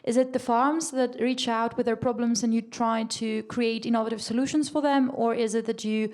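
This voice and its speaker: A young woman from Greece, a student, asking a polite, clearly structured question from the audience. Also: on the high side, level tone, moderate pace, darkish tone. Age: young adult.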